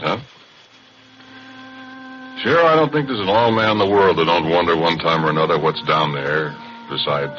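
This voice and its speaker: In the style of 1940s radio drama, an actor with a deep, natural voice plays a middle-aged ex-oil roughneck narrating his own story. The folksy, chatty monologue comes through a muffled broadcast with hiss.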